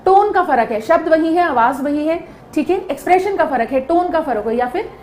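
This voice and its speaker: A woman's voice: sits high, animated, a little fast, a little mellow, roomy sound, slight background noise. A woman giving a lecture, explaining step by step and often checking in with her listeners. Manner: explaining with repeated check-ins. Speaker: teacher.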